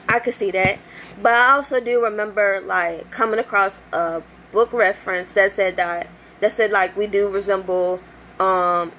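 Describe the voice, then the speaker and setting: A young woman tells stories in a loose, chatty way, full of fillers and acted-out quotes. Her pitch sits in the middle of the range. Faint background hiss runs underneath. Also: poor audio. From United States. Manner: chatty, animated, many fillers and quoted asides. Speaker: shop owner. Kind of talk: casual storytelling vlog.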